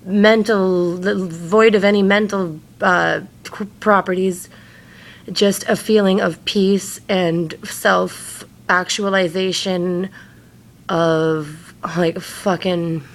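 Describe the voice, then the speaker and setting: Woman with a creaky, fry-heavy voice for informal to-camera rambling; hazy, drifting recounting, loose slang and swearing. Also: mid-range voice, steady tone, takes it slowly. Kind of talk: casual rambling personal talk to camera.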